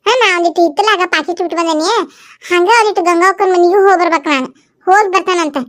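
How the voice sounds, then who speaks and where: A woman's voice: very high voice, fast, a bit bright. A woman doing a bossy mother-in-law. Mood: ordering. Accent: North Karnataka Kannada.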